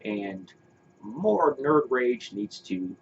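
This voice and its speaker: A man's voice: medium pitch, very animated, drawn-out words. A man co-hosting a podcast, chatting casually and opinionatedly, rambling with fillers and restarts. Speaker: podcast co-host. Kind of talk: casual chat. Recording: dull lo-fi sound with faint hiss.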